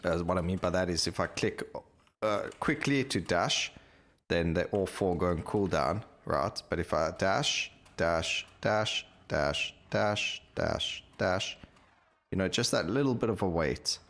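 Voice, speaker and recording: Over video game music, a man with a deep, fairly bright voice offers casual gameplay commentary, speaking a little slowly. He hosts the video and muses aloud, walking viewers through his decisions as he plays.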